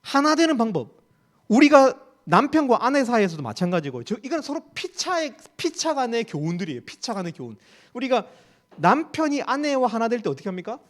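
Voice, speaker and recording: Gyeongsang-accented male preacher, high voice, emphatic, lots of rhetorical questions. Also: big pitch swings, a little fast. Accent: Gyeongsang Korean. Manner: emphatic, rhetorical questions, repeats key phrases. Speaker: campus ministry staff preacher. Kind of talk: sermon.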